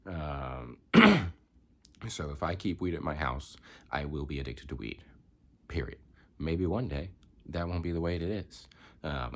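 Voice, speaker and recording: A young man, congested, rambling reflectively in a candid personal vlog with many filler words. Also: rumbling low. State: congested, coughing. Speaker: vlogger.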